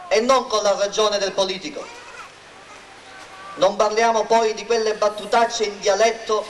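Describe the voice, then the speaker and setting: A man giving a formal, oratorical political speech at a rally, declaiming to a public square. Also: high-pitched. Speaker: local party politician introducing a candidate. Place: outdoor town square rally. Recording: roomy, distant mic, faint noise.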